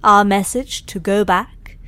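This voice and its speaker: A woman voicing a cool, politely menacing alien interrogator in a sci-fi audio drama, measured and condescending. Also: medium pitch, steady tone, pushed and bright, clear, resonant tone, no echo. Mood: coolly curious.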